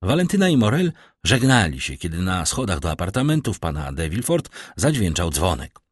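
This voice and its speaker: A man narrating an audiobook in an expressive storytelling manner. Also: deep voice, brisk, slightly rough, dry recording, clean studio sound.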